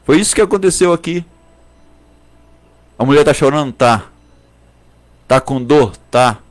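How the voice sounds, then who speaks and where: A man preaching a sermon in a Brazilian Portuguese accent, repeating phrases for emphasis and at times speaking in tongues. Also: mid-range voice. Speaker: pastor.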